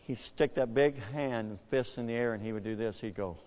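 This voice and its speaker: Animated older preacher in echoey church. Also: male voice, fairly quick. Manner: animated, swings from hushed to booming. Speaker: pastor. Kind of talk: storytelling sermon.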